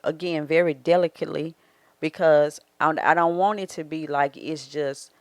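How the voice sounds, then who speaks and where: A woman's voice: deep voice, steady tone, moderate pace, dry recording. Southern woman, 40s, marriage coach, earnest and advising, dry close mic. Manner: earnest, advising, acts out quoted thoughts. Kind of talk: casual faith-based podcast talk.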